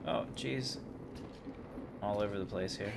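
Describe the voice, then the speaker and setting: A game livestreamer chats casually with his viewers while commenting on his own gameplay. His voice sits on the low side and comes out a little slow and creaky. Steady noise runs behind him throughout.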